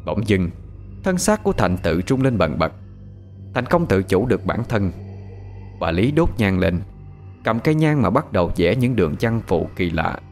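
Low-voiced storyteller, lively. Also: male voice, soft background music. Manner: measured, dramatic. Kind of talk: dramatic narration of a ghost story.

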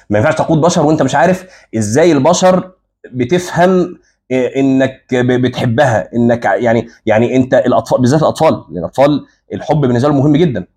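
An Egyptian man delivers an informal lecture in a rapid, slightly husky voice. He speaks straight to his listeners and slips into the voices of the people he quotes. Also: medium pitch, a little mellow. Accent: Egyptian Arabic. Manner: conversational, addresses audience directly, acts out quoted speakers. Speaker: religious lecturer.

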